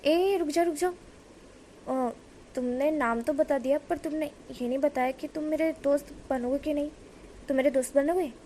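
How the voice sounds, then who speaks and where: A woman voicing an excitable young man who has just fallen in love, talking in a breathless, pleading way. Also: sits high, normal speed, slight background noise, lightly acted.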